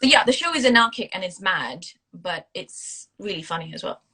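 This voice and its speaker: Bright-voiced woman guest, chatty. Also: medium pitch, animated, moderate pace, husky, low-quality recording. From India, raised in Singapore. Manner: chatty, with many fillers and restarts. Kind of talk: casual interview over a phone call.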